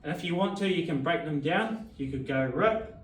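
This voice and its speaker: A man coaching boxing, giving short instructional cues as he demonstrates punches with sharp exhales. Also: fairly high pitch, expressive, normal speed. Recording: roomy echo, distant mic, faint noise.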